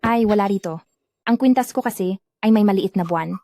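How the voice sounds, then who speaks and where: A woman voicing a quick-talking young wife. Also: mid-range voice, mellow, a little hiss or hum, natural voice. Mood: affectionate. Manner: affectionate, teasing. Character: sweet young newlywed wife. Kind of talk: Tagalog drama dub.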